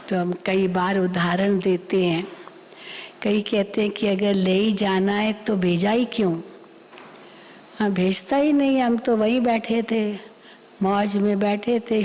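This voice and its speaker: A woman spiritual teacher giving a devotional class, telling a parable slowly with many repetitions and acted quotes. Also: mid-range voice, a little mellow, a little hiss or hum. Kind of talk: devotional class on the daily lesson. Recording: long hall reverb.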